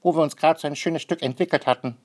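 Reading a storybook aloud, a man plays a curious, fussy male water bird whose high voice sounds questioning and naively clever. He keeps a quick pace and a natural-sounding voice.

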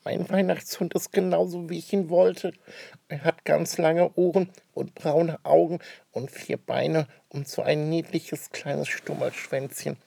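A man voicing a small excited boy who longs for a puppy, in a storybook reading. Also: fairly low pitch, normal speed, few pauses, slightly rough, no room sound. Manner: eager, breathless with joy.

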